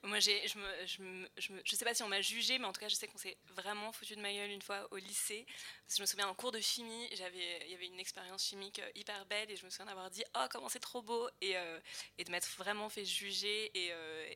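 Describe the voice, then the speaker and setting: A woman's voice: mid-range voice, steady tone, fast, pushed and bright. A young woman, chatting casually as a panellist. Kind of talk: casual personal anecdote.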